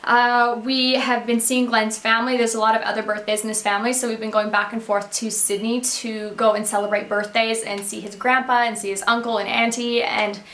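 A woman's voice: a little high, level tone, a little fast, few pauses, fairly bright tone, echoey room. A young woman from Canada, a beauty vlogger, chatting casually to the camera from her room in a bubbly, rambling way. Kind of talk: casual catch-up chat to camera. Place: bedroom beauty room, indoors.

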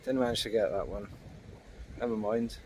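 A slightly rough, fairly low male voice at a moderate pace belongs to a fishing vlogger in his thirties. He narrates his trip from a wooded riverbank to a phone or action camera held at arm's length, relaxed and rambling, with frequent ums.

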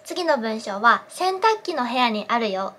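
A young woman teaching English pronunciation in a clear explanatory tone, saying English model phrases slowly and carefully. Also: fairly high pitch, big pitch swings, fairly bright tone. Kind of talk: pronunciation lesson.

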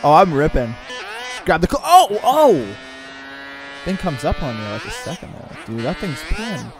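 A young man chatting casually while gaming with a friend, excitable and full of frat-bro slang. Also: a little high, moderate pace. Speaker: gamer. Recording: clear background noise, game engine sounds.

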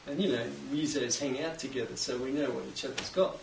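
A middle-aged Australian man explaining his craft in a relaxed interview, with an enthusiastic musician's manner. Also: medium pitch, brisk, creaky. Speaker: guest, cajon maker. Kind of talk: casual interview. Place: indoors, home workshop. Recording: echoey room, mic at a distance, faint background hiss.

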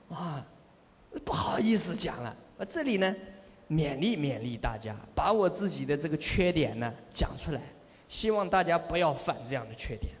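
A man giving a Buddhist sermon as a monk, telling lively stories with rhetorical questions and self-confession. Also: high voice. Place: monastery hall. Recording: long hall reverb.

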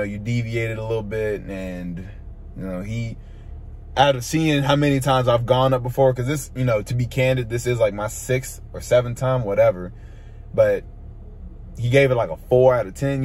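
A young American man chatting casually and candidly to his vlog camera. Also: mid-range voice. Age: young adult. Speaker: amateur comedian vlogger. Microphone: phone at arm's length.

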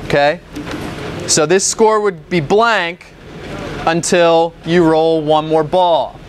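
A young man giving a classroom-style lesson in a bowling alley, explaining step by step and checking in with the class after each point. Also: fairly high pitch. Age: young adult. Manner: patient, step-by-step, checks in with "okay?" often. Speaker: instructor. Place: large indoor bowling alley. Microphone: far camera.

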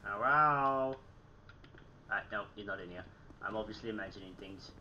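Here a young man hosting a gaming channel chats over gameplay from a small room at home, his voice slightly phlegmy and sick-sounding. The lowish voice moves at normal speed, bright and forceful, on a muffled recording with a little hiss or hum. He's chatty and self-mocking, with frequent throat clearing.

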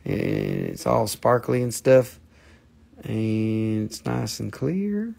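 His voice is lowish and darkish, with vocal fry and wildly swooping pitch, and he takes his time. A live-stream mineral seller from the southern United States, he shows stones to the camera from a table of specimens indoors, rambling, joking, cursing, and mimicking accents playfully.

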